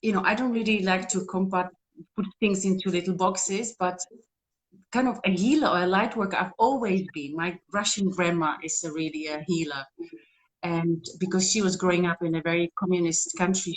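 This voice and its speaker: On a rough recording, a woman from the Czech Republic with a fairly low voice joins a video call as a guest. Her casual interview talk is earnest and rambling, full of restarts.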